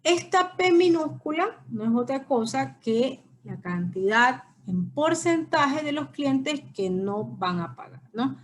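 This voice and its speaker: A woman's voice: sits high, very animated, slow pace, hardly any pauses, a little hiss or hum. A woman giving a recorded lecture, explaining step by step and often checking with her students. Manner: explanatory, frequent checking questions. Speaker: teacher.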